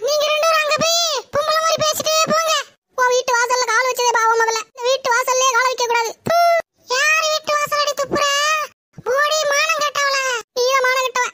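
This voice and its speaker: Woman voicing a sharp-tongued village wife, Tirunelveli Tamil accent, very high fast cartoon voice. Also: fairly even intonation, dry recording. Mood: angry. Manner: shouting insults.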